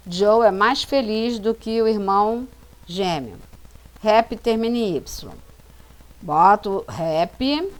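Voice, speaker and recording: A woman teaching English grammar to students, explaining each rule step by step, spelling out letters and repeating every example sentence. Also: medium pitch. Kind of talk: slow classroom explanation.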